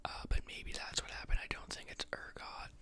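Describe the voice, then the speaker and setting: Whispering softly and taking their time, a teacherly ASMR host reads from a book and then thinks through ideas aloud, pausing a lot and using many fillers.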